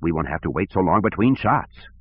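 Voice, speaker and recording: A man voicing a squat, bald male technical officer who speaks in a measured, advisory way. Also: deep voice, expressive, slightly rough, no echo. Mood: advising. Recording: tinny phone-like audio.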